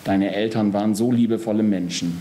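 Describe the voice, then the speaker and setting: A man voicing a gentle, sorrowful female Soul. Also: lowish voice, steady tone, a little fast, lightly acted.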